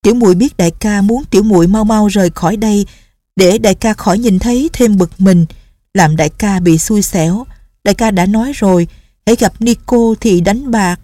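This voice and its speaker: A woman's voice: medium pitch, normal speed, warm tone, dry recording, natural voice. A woman voicing a timid, tearful young nun girl who pleads anxiously and stammers. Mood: hurt.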